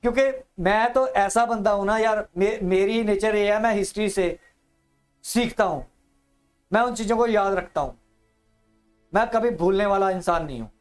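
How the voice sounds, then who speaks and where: A man co-hosts a casual podcast in a high, smooth voice. He talks bluntly and chattily straight to the listeners. Faint music runs behind him. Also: moderate pace. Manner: blunt, chatty, direct address.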